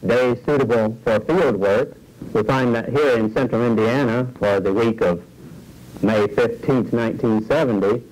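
A man's voice: medium pitch, darkish tone, low-quality recording. A middle-aged man, an agricultural statistician, explaining weekly data in a matter-of-fact way in an office. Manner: matter-of-fact, reads out figures. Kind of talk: explanatory talk for a film.

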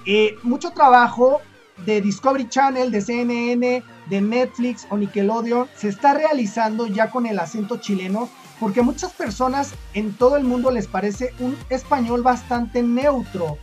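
A Mexican woman with a Mexican accent hosts her video, explaining things in a chatty way and thinking aloud as she goes. Her voice is fairly high and a little mellow at a moderate pace, with soft music playing behind her.

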